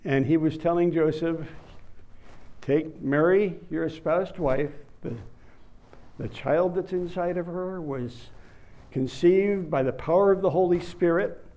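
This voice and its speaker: A man preaching a sermon, reading scripture slowly and rising to emphatic bursts on key words. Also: on the high side, warm tone, poor audio.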